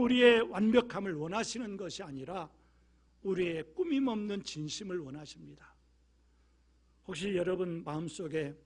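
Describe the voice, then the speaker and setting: A male pastor delivers a sermon in a high voice. He moves between quiet, low passages and loud, forceful appeals. He voices the prayers he quotes with emotion. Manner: swings from hushed, low asides to loud, emphatic appeals.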